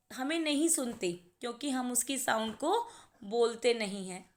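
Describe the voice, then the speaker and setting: A woman's voice: a little high, bright, forceful tone. A woman teacher, patiently explaining a lesson to young children and spelling out words sound by sound. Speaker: primary school teacher.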